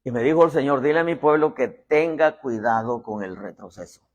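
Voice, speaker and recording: A man's voice: mid-range voice, fairly quick, dull audio. A middle-aged man preaching a sermon in a folksy way, joking and having the congregation repeat phrases. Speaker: apostle preaching.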